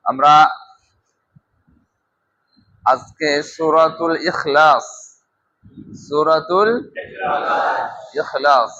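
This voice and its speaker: A man teaching a Quran class, slowly drilling students on pronunciation with questions they answer back. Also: a little high, fairly even intonation, sharp tone. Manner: slow, drilling pronunciation with call-and-response questions. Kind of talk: classroom recitation lesson. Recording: dull lo-fi class recording with crowd noise.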